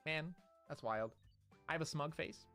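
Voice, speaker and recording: A man's voice: a little high, a little slow, fairly bright tone, faint music behind. A man streaming live, reacting to an old clip with giggly, teasing remarks. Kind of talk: casual live-stream commentary.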